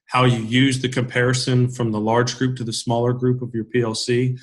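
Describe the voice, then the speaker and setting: A man's voice: medium pitch, little pitch movement, fairly quick. Man giving rambling encouraging feedback. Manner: rambling, encouraging, with many restarts. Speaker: peer reviewer. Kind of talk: casual video-call feedback. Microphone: video call.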